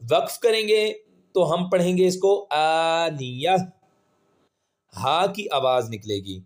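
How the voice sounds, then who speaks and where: A man teaching Quran reading, spelling out syllables slowly and patiently and drawing out the vowels. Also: fairly high pitch, animated. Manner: slow, patient, drawn-out syllables when spelling. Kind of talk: spelling-out recitation lesson.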